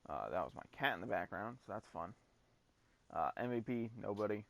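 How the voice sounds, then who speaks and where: A man with a fairly low voice, commentating over his video-game football season. His talk is laid-back and offhand, and now and then he swears. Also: lively intonation, a little fast, vocal fry, fairly bright tone, slight background noise. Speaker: gaming video host. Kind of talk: casual gameplay commentary.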